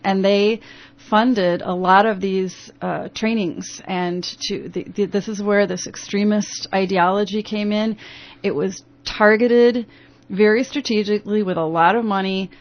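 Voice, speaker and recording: A woman's voice: mid-range voice, steady tone, normal speed. A woman talking as a radio interview guest in a rambling way with many restarts, heard through a dull AM radio broadcast. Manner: rambling, full of restarts and fillers. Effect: AM radio broadcast sound. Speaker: interview guest, youth program founder.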